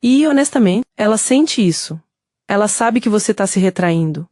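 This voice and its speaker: Woman, Brazilian Portuguese accent, scripted narration, steady explanatory delivery, mid-pitched, dry close sound. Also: normal speed, dry recording. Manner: steady, explanatory, addresses the listener directly.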